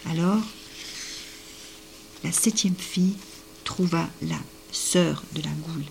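A woman storyteller reading out a folk tale in a fairly low voice. She often drops into a hushed whisper mid-sentence. There is a faint noise behind her. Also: slow, creaky.

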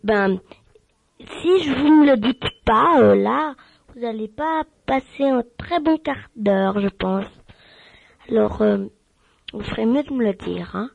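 A woman's voice: on the high side, animated, takes it slowly, vocal fry, muffled recording. A woman hosting a mock radio show in an improvised comic sketch, scolding and swearing with many "hein" fillers.

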